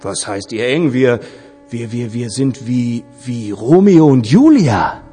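A man's voice: mid-range voice, animated, slow pace, warm tone, husky, faint music behind. A man voicing a proud, touchy male moon who turns indignant and complains, recorded with long hall reverb. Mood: polite.

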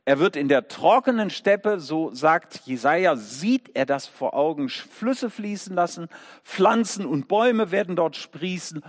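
A man preaching a sermon, telling the story vividly and asking his listeners rhetorical questions. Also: sits high. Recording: long echoing church reverb.

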